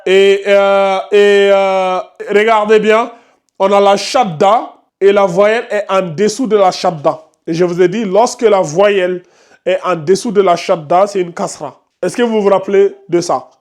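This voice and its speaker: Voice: medium pitch, steady tone, measured pace. A Quran recitation teacher leading a class, patiently questioning students by name and correcting their reading.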